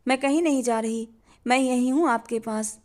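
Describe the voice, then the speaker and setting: A woman reading the lines of a gentle, timid young wife in a storybook narration, soft and trembling. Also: fairly high pitch, moderate pace, close to an everyday voice. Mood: tender.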